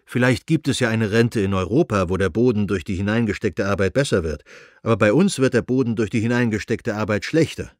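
A man's voice: on the low side, fairly quick, a little mellow, no echo, clean studio sound, lightly acted. A man doing an earnest, insistent young landowner. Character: earnest young male landowner, intense and argumentative.

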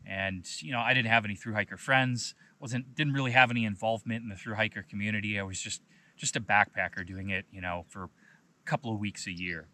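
A man in his thirties, a hiking vlogger, telling a personal story in a relaxed, conversational way and often saying "you know". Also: lowish voice, fast talker. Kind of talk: casual storytelling to camera.

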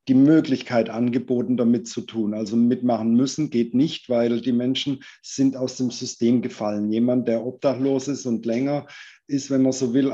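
A man's voice: medium pitch, mellow. A middle-aged man on a video call, explaining his work in a thoughtful conversational way and often rephrasing as he goes. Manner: thoughtful, restarts phrases, hedges with "wenn man so will". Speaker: architect answering questions in an online lecture. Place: indoors by a large window. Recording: muffled video call audio.

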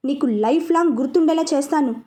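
A woman reading a storybook voicing a hot-tempered, bossy young man who talks roughly and gives orders. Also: sits high, fast, darkish tone, natural voice. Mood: angry. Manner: rough, commanding, scolding.

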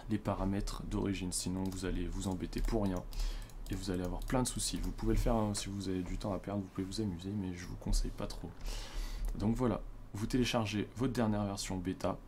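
A man's voice: deep voice, a little mellow, slight background noise. A French man presenting a computer tutorial in a loose, chatty way, with many fillers and self-corrections. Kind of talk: casual screen-recorded tutorial.

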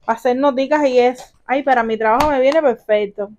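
A young mother from Cuba vlogs from home while unboxing gifts, speaking fairly quickly with a Cuban accent. Her voice sits high and is a little mellow as she gushes, exclaims and calls viewers family. The recording sounds muffled.

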